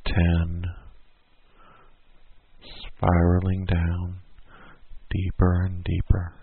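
A man slowly guiding a listener through a hypnosis induction in a soothing, repetitive way. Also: low voice, monotone, slightly rough, no room sound. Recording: tinny phone-like sound.

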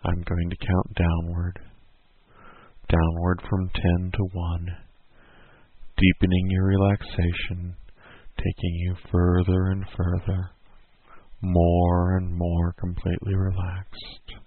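A man slowly guiding a listener through a hypnosis induction in a soothing, repetitive way. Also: low voice, monotone. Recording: tinny phone-like sound.

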